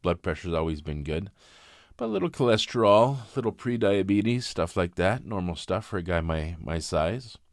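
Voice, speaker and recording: Brief: fifties man, deep voice, dry close sound, halting confessional vlogger. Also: sing-song, dry recording. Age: 50s. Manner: halting, reflective, frequent restarts. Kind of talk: candid personal vlog.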